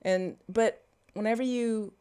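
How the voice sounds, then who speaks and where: Chatty and casual, this livestreaming developer speaks Cajun-accented English from Louisiana, reading viewers' comments aloud and playing off them while coding. Her voice is a little high, mellow and smooth, with a steady tone and measured pace.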